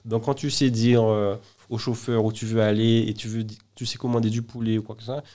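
As an interview guest in casual conversation, a man with a lowish, warm voice speaks fairly quickly with little pitch movement. He's hesitant, often stumbling, repeating words, and restarting as he explains.

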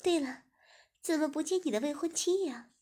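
A woman voicing a bubbly, gossipy young woman who talks with eager excitement. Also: sits high, moderate pace, voice pushed up, natural voice. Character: lively, chatty young woman guest.

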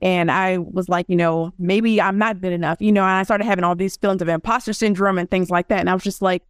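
Lowish, clear, and resonant, a young woman's voice comes through fast in a clean studio recording without echo. As a casual interview guest, she tells stories energetically and plays out what others said.

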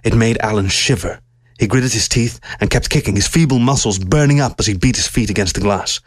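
A man narrating a science-fiction story aloud with steady, measured storytelling. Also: on the low side, dry recording.

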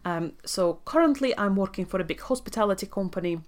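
She's in her thirties, from Latvia, and a native Russian speaker; her English has a Latvian accent tinged with Scottish. Her medium-pitched voice is animated and a little fast as she hosts a solo podcast, earnest and chatty with frequent ums. She works as a podcast host and life coach.

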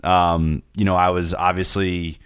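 A young man with a notably deep voice chats loosely about sports as a podcast co-host. He rambles, restarts and repeats words often. The sound is dry and close. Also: level tone, a little slow, a bit bright, clean tone, no room sound. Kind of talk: casual sports chat.

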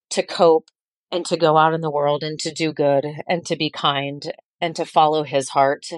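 40s woman chef guesting on a podcast, kinda low voice, earnest, thinks out loud, dry sound. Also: no room sound. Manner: earnest and reflective, with restarts. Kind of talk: podcast interview.

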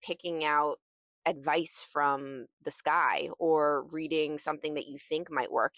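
A woman with a fairly deep voice hosts a casual motivational podcast. She is chatty and emphatic, recorded close and very dry inside a closet. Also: a bit bright, no room sound. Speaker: podcast host. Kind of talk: casual solo podcast talk.

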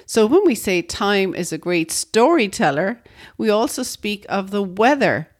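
Woman, Irish accent, mid-pitched voice, scripted educational narration, measured storyteller delivery. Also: big pitch swings. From Ireland. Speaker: host.

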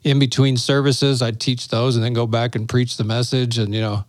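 Middle-aged man, pastor guest, animated storyteller who laughs easily and acts out dialogue; dry, close sound. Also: mid-range voice, normal speed, no echo. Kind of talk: casual storytelling conversation.

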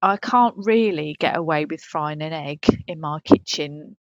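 In this comic advice bit, a British woman voices a talkative pop singer with dogs, fielding fan questions in a rambling, matter-of-fact podcast-host style. She sounds deep and unhurried; the recording is muffled but has no room sound.

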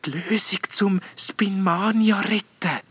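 A man's voice: high voice, slow, slightly rough, dry recording, voice pushed up, full character voice. A man playing a small sad ghost, whispery. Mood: hopeful hushed. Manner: soft and whispery. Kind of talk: storybook reading.

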